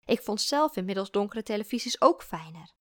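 A woman reading a story aloud in a calm, reflective way. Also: mid-range voice, fairly quick, no room sound, clean studio sound. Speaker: narrator. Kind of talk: scripted story narration.

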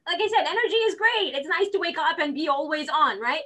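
Her voice is very high-pitched and brisk, captured on poor audio. She is a real estate recruiter chatting casually as a guest, energetic and animated, acting out the quotes in her stories.

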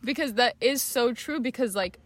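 A woman's voice: on the high side, normal speed, dry recording. A young woman in her twenties co-hosting a podcast in casual chat, laughing often and saying "like" a lot. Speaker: podcast co-host.

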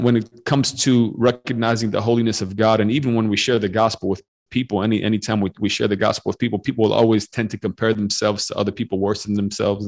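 Man in his forties, lowish voice, earnest testimony, remote call, frequent restarts. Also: a little mellow. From Romania. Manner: earnest, with many fillers and restarts. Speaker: guest missionary. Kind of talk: testimony in a podcast interview. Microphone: remote call over the internet.

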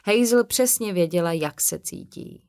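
A woman narrating an audiobook in a calm, measured reading. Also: on the low side, gravelly. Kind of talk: scripted narration.

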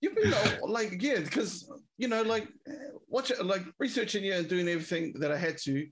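A man hosts a casual podcast interview. His voice sits high and swings widely as he asks questions, and he reacts eagerly to each answer. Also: lively intonation, moderate pace, a crowd in the background. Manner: eager, easily impressed interjections. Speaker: podcast host.

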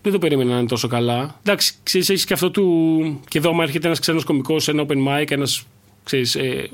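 A young man, a stand-up comedian, chatting casually in an interview and thinking aloud with many fillers and restarts. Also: on the high side.

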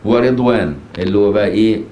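Low-voiced Egyptian man teaching in a mosque. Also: fast, warm tone. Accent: Egyptian Arabic. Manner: asks rhetorical questions, checks understanding. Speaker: religious teacher. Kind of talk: colloquial religious lesson. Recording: echoey mosque, faint noise.

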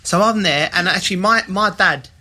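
Bright-voiced English ex-footballer. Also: male voice, high voice, moderate pace. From England. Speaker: former footballer host. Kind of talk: casual chat.

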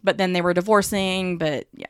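A woman's voice: on the low side, steady tone, normal speed, smooth, dry recording, studio quality. A woman co-hosting a podcast in casual chat, talkative, with many fillers. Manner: chatty, filler-heavy, laughs easily. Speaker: podcast co-host.

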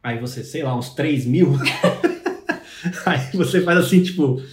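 A man's voice: a little high, slow pace. A Brazilian man hosting a casual interview, joking and chiming in. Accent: Brazilian Portuguese. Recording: roomy echo.

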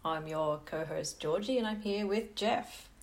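A woman co-hosting a podcast, chatting in a relaxed, casual way. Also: lowish voice, a little slow. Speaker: podcast co-host. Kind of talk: casual chat.

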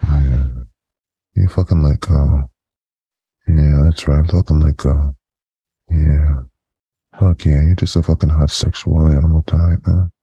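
A man speaking through a voice effect that pitches him very deep, in a slow, murmured, commanding intimate monologue. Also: steady tone, mellow, slightly rough, no echo. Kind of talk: intimate erotic hypnosis monologue. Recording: dull lo-fi dry recording.

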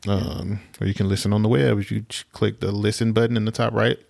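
A man's voice: lowish voice, level tone, quick pace, gravelly, darkish tone, dry recording. A man from Alabama, hosting a casual podcast chat with teasing, dry banter. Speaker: podcast host.

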